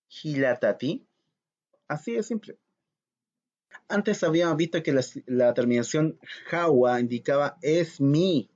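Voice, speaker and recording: Slow, patient male language teacher. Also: a little high, darkish tone, muffled recording. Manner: slow, patient, repeats words for practice. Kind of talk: recorded language lesson.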